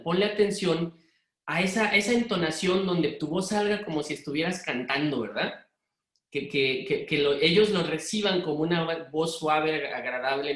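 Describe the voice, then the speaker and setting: A middle-aged man from Mexico City with a Monterrey-influenced Mexican accent, giving a parenting workshop talk to a live audience in a hurried, direct way. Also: fairly high pitch, fairly bright tone, echoey room. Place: room with an audience.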